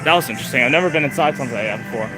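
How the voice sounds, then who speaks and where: A man's voice: mid-range voice, rapid-fire. A young man casually rambling through a live walkthrough of a theme park, recorded outdoors on a handheld phone. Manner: rambling, chatty, lots of fillers. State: out of breath. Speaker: vlogger livestreaming a theme park walk. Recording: phone livestream outdoors with loud music. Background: loud park music.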